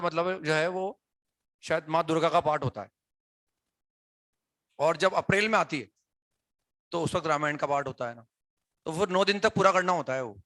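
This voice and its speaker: A man's voice: high-pitched, bright, forceful tone, no echo. A male teacher talks to his students in a classroom, explaining things conversationally and often checking whether they follow. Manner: conversational, asks students questions, frequent "है ना" tags.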